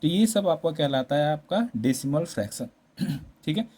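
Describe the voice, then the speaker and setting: This man's fairly high, expressive voice has a dark tone and a moderate pace as he teaches maths. His classroom-style explanation unfolds step by step in Hindi sprinkled with English numbers, punctuated by frequent tag questions.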